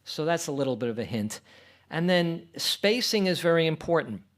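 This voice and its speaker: A man giving a conference presentation for a club, talking in a relaxed, reassuring way and slowing down to demonstrate. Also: fairly high pitch.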